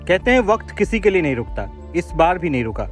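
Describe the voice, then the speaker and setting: A man reporting the news in a measured, dramatic scripted narration. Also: sits high, big pitch swings. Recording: voice-over with loud background music.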